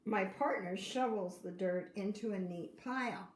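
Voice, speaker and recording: A woman's voice: mid-range voice, measured pace. An older woman with a grandmotherly, encouraging manner reads a picture book aloud to young children, explaining simply and asking questions along the way. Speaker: storyteller reading to children. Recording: roomy echo, faint background noise.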